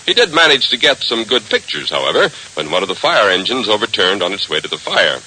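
An American man announces and narrates an old radio serial, scripted narration from the 1940s, in a dramatic, declamatory style. His lowish voice swings widely in pitch, moving fairly quickly with a sharp tone. The hissy old radio recording sounds rough.

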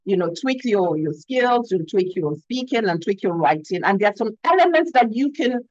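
On a video call, a communication expert from Nigeria speaks with a Nigerian accent, laying out her ideas earnestly and emphatically and frequently adding "yeah?" to her points. Her medium-pitched voice is very animated, a little mellow, and moderately paced, with no echo in the dull, slightly lo-fi, dry recording.

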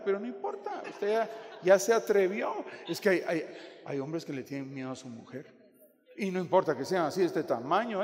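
Pastor, fairly high voice, playful preaching in a reverberant church. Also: male voice. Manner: joking, animated, addresses listeners as brother. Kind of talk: sermon. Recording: long hall reverb.

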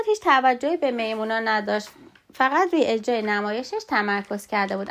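A woman reading a storybook aloud to her children at home, pausing to explain words. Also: on the high side, gravelly, fairly bright tone.

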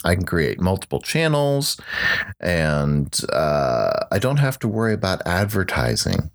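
A man's voice: sits low, sing-song, a little slow, vocal fry. A man hosting a solo podcast, talking through his picks in an upbeat, conversational way with light jokes. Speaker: podcast host.

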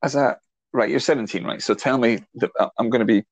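In a dry recording, a man in his forties co-hosts a casual film chat, laying out his ideas at length and teasing his younger co-host. He speaks quickly at a medium pitch.

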